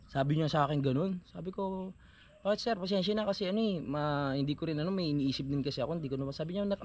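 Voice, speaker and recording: A young adult male vlogger with a fairly high, fairly bright voice tells a casual story, then slips into a mock-preachy tone. He speaks to his viewers as if they were a congregation, calling them "mga kapanalig."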